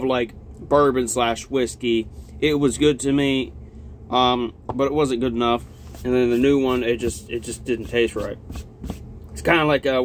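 A young man rambles through a casual vlog review, swearing freely and talking around a lip full of dip. His voice sits at a middle pitch. He is recorded indoors near the camera, with some noise in the background. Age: young adult. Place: small cluttered log-walled room, indoors.

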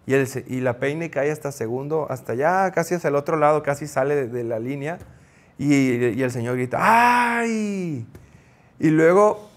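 A middle-aged man with a Mexican accent, a former goalkeeper, telling an anecdote in an interview, acting out the shouts he quotes. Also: mid-range voice, brisk. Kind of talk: storytelling in an interview.

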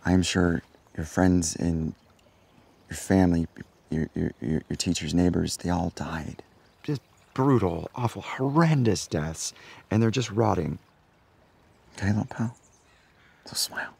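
An actor playing a middle-aged scoutmaster in a short film, cheerfully callous and offhand, who shouts when he gets worked up. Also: low-pitched, unhurried, long pauses, exaggerated voice. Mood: falsely cheerful. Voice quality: gravelly, husky, yells when excited.

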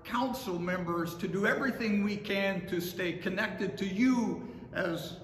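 A man in his sixties preaches in a slow, deliberate way from the pulpit of a large, empty sanctuary. His voice sits high for a man and carries a long, echoing reverb, with a faint room hum underneath. He is heard from a camera set some way back. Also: a bit bright. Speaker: pastor. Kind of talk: sermon. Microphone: far camera.

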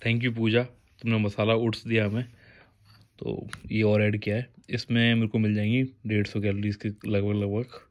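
A man's voice: on the low side, flat delivery, normal speed. A young man with a Hindi accent from Gwalior, chatting casually to a handheld phone in his daily vlog, laughing often. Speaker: vlogger.

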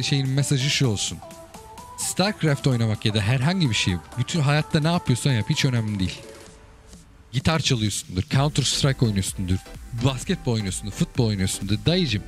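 A man hosting casual commentary over viewers' game replays, chatty and asking the listener again and again whether they get it. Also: medium pitch. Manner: chatty, keeps asking "you get it?" and calling the listener brother.

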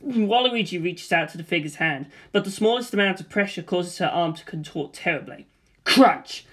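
Deadpan narrator reading a screenplay. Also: medium pitch, normal speed.

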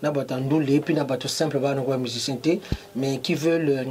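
A man's voice: medium pitch, steady tone, brisk, darkish tone, a little hiss or hum. A middle-aged man from Congo, a fashion designer, interviewed in a clothing shop, mixing French and Lingala with emphasis. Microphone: handheld mic held by interviewer.

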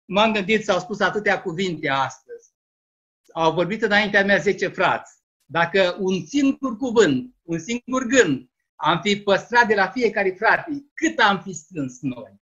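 A man with a Romanian accent gives an earnest, slow, deliberate Easter sermon over a video call. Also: high voice, animated, bright, forceful tone, breathy edge. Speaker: lay preacher. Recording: muffled video-call audio.

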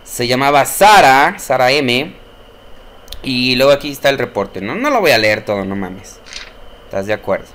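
A man's voice: medium pitch, sing-song, moderate pace, fairly bright tone. A young Mexican man talks through a horror game with a mid-range voice, swearing freely and yelping at every scare. He keeps up a running, jumpy commentary and scolds the characters on screen. A faint hum of noise sits behind him. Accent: Mexican Spanish. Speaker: gameplay streamer.

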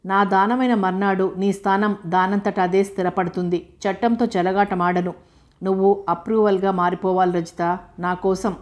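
A woman reading the part of a calm, tender young detective hero in an audiobook, speaking gently and reassuringly. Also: medium pitch, normal speed, lightly acted.

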